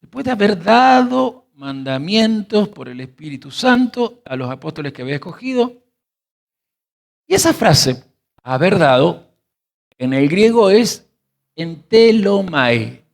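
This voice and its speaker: A man teaching a sermon. He reads verses, then explains word roots slowly and quizzes his listeners. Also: sits high, vocal fry. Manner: animated, stretches key words slowly. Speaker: pastor teaching scripture.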